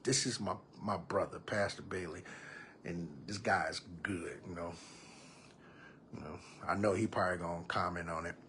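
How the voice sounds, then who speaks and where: A man's voice: low-pitched, fairly even intonation, moderate pace, fairly bright tone, a little hiss or hum. A man in his thirties hosting a live podcast, talking casually and reading viewers' comments aloud. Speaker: podcast host. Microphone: computer or phone mic on a live stream.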